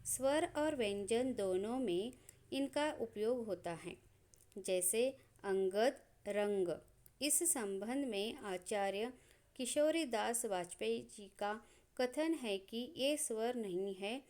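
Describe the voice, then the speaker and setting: A woman giving a grammar lesson, explaining calmly and listing sounds one at a time in a measured way. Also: fairly high pitch. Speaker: grammar teacher.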